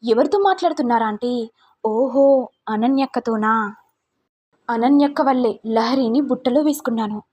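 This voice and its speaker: A sneering young male blackmailer, put on by a woman narrator, all mocking politeness and sly threats. The voice sits fairly high and has a husky edge. Told as a storytelling recap. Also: a little mellow, natural voice. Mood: taunting. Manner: taunting, drawn-out mock politeness.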